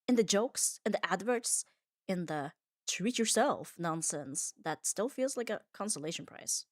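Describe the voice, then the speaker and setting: Low-pitched and earnest, a female ASMR audio performer reads a scripted comfort monologue in a reflective way, relying on short phrases with emphasis. The sound is clean and studio-made, without echo.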